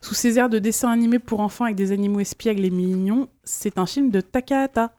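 A woman's voice: medium pitch, steady tone, quick pace, mellow, no room sound. A woman in her thirties co-hosting a casual podcast, reading listener mail with plenty of fillers and restarts. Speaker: podcast co-host. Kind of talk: casual chat.

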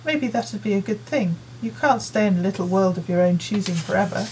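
A woman voicing a busy working mother who fusses and hands out chores in a brisk, nagging way, read as an audiobook character. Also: mid-range voice, darkish tone, slight background noise, natural voice, poor audio. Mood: coaxing. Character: busy, fussing working mother in her forties.

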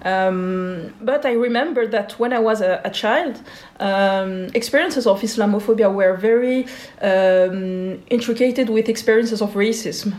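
A woman in her forties from Switzerland, a guest in an interview, speaking thoughtfully with many pauses and fillers. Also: medium pitch, darkish tone, echoey room.

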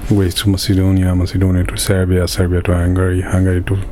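A man from Afghanistan, giving halting personal testimony in an interview, with many pauses and restarts. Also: deep voice, completely flat delivery, warm tone, slight background noise. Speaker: interviewee, refugee in a camp.

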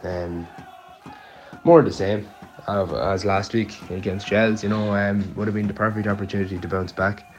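A man with a low voice and a west of Ireland accent talks casually into a voice note. He is blunt and exasperated, with the downbeat, sweary delivery of a let-down football supporter. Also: flat delivery, normal speed, some chatter behind, low-quality recording.

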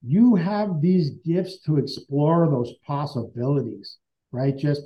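This is a male interview guest with a fairly high pitch who takes his time. Earnest and conversational, he recounts something from his own life and acts out the lines people said. The sound quality is dull and lo-fi.

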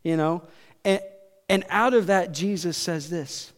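A man preaches a sermon like he is telling a story to friends, loose and conversational, tossing in "like" and "right?". His voice sits high for a man. It rings out with a long reverb from a big hall. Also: unhurried.

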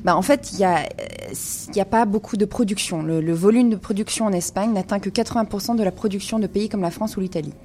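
A woman's voice: medium pitch, fast talker, hardly any pauses, mellow, slight background noise. A woman presenting a weekly radio column on wine, speaking in a studio with frequent hesitations and fillers.

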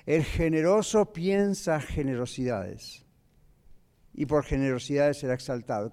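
Male pastor, fairly high voice, patient Bible teacher quizzing his class, reverberant room. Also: a little mellow, clear, resonant tone. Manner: asks the class questions, explains slowly. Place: church classroom. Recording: long reverb of a hall.

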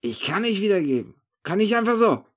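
A man's voice: sits high, normal speed, a little mellow, voice pushed up. A man doing a nervous shifty street thief. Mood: haggling. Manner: broken German, agitated and pleading.

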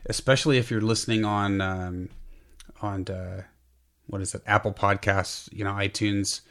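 Man, lowish voice, flat intonation, halting casual podcast host. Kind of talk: casual chat.

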